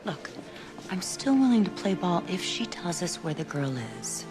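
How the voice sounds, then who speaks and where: An actress playing a prosecutor who speaks in a curt, firm way. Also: female voice, on the low side, big pitch swings, normal speed, music in the background. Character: brisk female prosecutor, unyielding. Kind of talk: TV legal drama acting.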